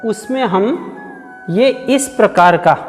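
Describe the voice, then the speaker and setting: A man teaching a Hindi grammar lesson for exam preparation. He repeats the sounds aloud, slowly and many times. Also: sits high, long reverb tail, soft background music. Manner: slow, repetitive, drills sounds aloud.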